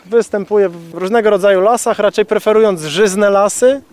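A man's voice: sits high, normal speed, a little mellow. A man leading an owl excursion, explaining a species to a group outdoors with frequent hesitations.

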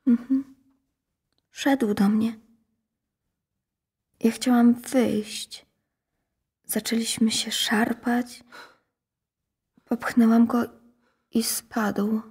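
An actress playing a frightened, bitter young daughter in a radio drama, her confession halting and shaky. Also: high voice. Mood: cold.

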